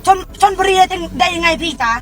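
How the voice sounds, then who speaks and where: A woman's voice: very high-pitched, lively intonation, brisk. A woman voicing a naive, chatty rural woman with a Khmer accent, repeating herself and playing confused on a prank phone conversation. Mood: protesting. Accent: Khmer-accented Thai. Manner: repetitive, rambling, playing confused.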